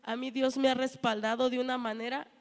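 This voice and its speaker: Woman, 30s, fairly high voice, earnest church testimony, long reverb of a big hall. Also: flat delivery, a little fast. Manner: earnest storytelling, acting out quoted dialogue. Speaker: church member giving testimony.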